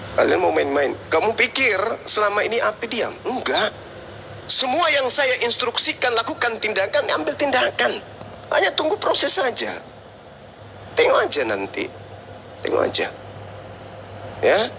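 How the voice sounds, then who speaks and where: A man's voice: high-pitched, gravelly, pushed and bright, slight background noise. A man, hosting a debate channel and scolding someone in an angry, threatening rant.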